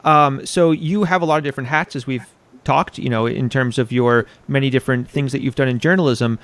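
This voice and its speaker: A man's voice: medium pitch, fairly quick, a bit bright, dry recording. An American man hosting an interview, asking long questions full of hesitations and restarts. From United States. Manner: hesitant, many fillers and restarts. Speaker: interviewer, podcast host.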